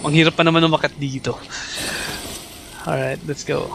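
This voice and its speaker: A man streaming a game talks fairly quickly in a fairly high, level voice with vocal fry. He has a Filipino accent as a native Tagalog speaker, and his casual, chatty commentary switches between Tagalog and English. The background is noisy, with game music.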